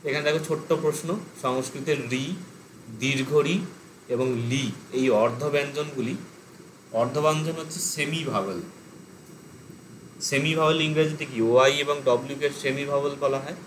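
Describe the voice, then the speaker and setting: A man's voice: medium pitch, normal speed, a bit bright, a little hiss or hum, poor audio. A man teaching an online language class, explaining step by step, thinking aloud with fillers. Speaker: Pali teacher.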